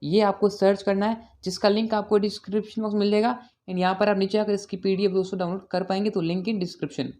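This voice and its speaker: A man's voice: sits high, level tone, fast, hardly any pauses, a little mellow. Man as an online tutor walking through an exam paper, repetitive, asks himself questions and answers them. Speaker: teacher. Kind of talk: exam-prep video lesson.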